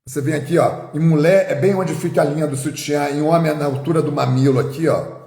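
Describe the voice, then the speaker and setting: A male therapist on a live stream guides a tapping exercise with calm, step-by-step instructions, slowly repeating affirmations. His voice is a little high with some vocal fry, and the sound is roomy.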